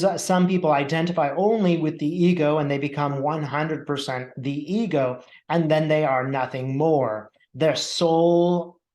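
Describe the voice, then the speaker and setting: A man channeling a measured, oracular spirit teacher, echoey room. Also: a little high, darkish tone, natural voice. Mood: patient teaching. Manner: measured, formal, oracular phrasing with deliberate pauses. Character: calm, wise spirit collective of Buddhist teachers. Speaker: channeler speaking as a spirit collective. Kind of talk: trance-channeled spiritual teaching, seance medium.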